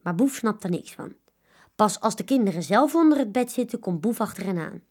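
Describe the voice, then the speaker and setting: A woman reading a children's story aloud, expressive and animated. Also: medium pitch, a little fast, breathy edge.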